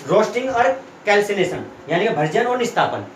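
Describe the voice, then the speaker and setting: A young man with a high-pitched voice tutors chemistry in a small classroom with students, speaking briskly and very animatedly. He repeats himself, constantly checking that the students are following. The echoey room recording has a little hiss or hum.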